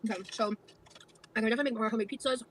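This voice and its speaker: A woman's voice: a little high, fairly even intonation, very fast, a little hiss or hum. A woman co-hosting a casual livestream, chatty and rambling, talking while she eats. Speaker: co-host.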